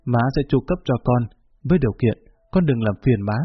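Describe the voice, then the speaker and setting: A cold, blunt middle-aged mother, read by a man, speaking in a flat, level voice that never softens. The voice sounds husky, and the storybook recording sounds dull and lo-fi. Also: medium pitch, fairly quick, soft background music. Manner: flat, level, unbending delivery.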